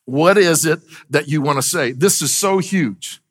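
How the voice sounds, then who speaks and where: Male pastor, middle-aged, slightly high voice; conversational sermon with questions to the congregation. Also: measured pace, fairly bright tone. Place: church.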